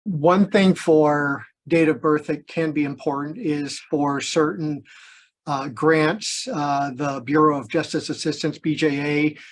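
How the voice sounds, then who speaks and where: This man speaks slowly and deliberately in a remote work meeting. He lays out his point in a measured way, pausing on fillers as he goes. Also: a little high, steady tone. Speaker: meeting participant.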